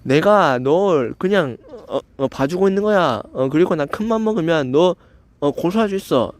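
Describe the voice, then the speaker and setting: A young man with a fairly high, animated voice stammers and slurs a little as he rants angrily at a commenter at a moderate pace. He's the channel host, confrontational and swearing, constantly filling gaps with "eo."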